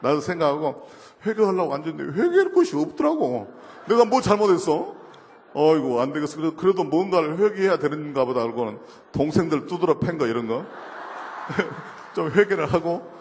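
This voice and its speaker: A South Korean man, a guest speaker at a church service, gives a lively testimony sermon in a large hall. His voice is a little high. He tells stories with acted-out quotes and laughter, shifting from soft murmurs to loud shouting.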